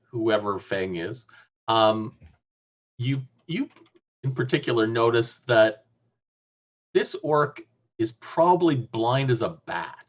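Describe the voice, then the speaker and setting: A middle-aged man runs a tabletop game with animated, casual narration. His pitch is average and the video-call audio is slightly dull. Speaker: game master.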